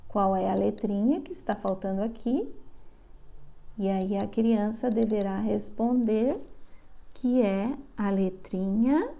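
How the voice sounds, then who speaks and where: A middle-aged woman from Brazil, a literacy teacher explaining to parents, slowly sounding out syllables. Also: mid-range voice, creaky, mellow. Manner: slow, drawn-out sounding of syllables.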